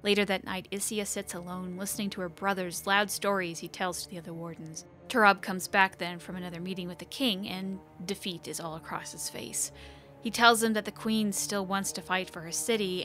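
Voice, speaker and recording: Brief: woman book host, recap narration, middle pitch, soft music underneath. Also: brisk. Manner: even, storytelling read-aloud.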